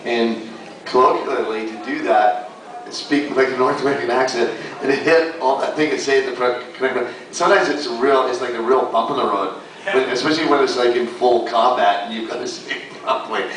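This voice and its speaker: A man with a mid-range, slightly bright voice speaks fairly quickly as a voice actor panelist at a convention, rambling casually with lots of "likes" and restarts. He's captured from far away by an audience camera in a large convention hall, so the sound is echoey with slight background noise.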